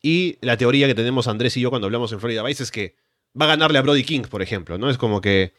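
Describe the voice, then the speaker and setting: A man's voice: medium pitch, fast, a bit bright, no echo. Male podcast host, mid-range voice, dry recording, conversational sports recap delivery.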